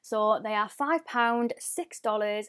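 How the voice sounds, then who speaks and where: A woman's voice: mid-range voice, slow, smooth. A young woman in her twenties reviewing makeup in a bubbly, gushing way, laughing often. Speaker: beauty vlogger. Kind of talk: casual product review.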